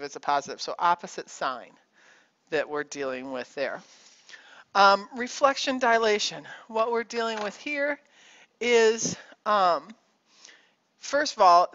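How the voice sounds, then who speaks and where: A woman teaching a recorded math lesson in a casual, chatty way, with fillers and quick self-corrections as she thinks aloud. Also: on the low side, fairly bright tone, muffled recording.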